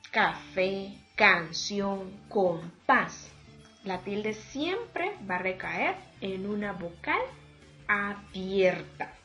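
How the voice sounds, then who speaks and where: A woman's voice: on the high side, fairly bright tone. A woman teacher giving a remote lesson on accents and syllables, pronouncing words syllable by syllable and speaking formally to her students. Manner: slow, deliberate, syllable by syllable, addresses students formally.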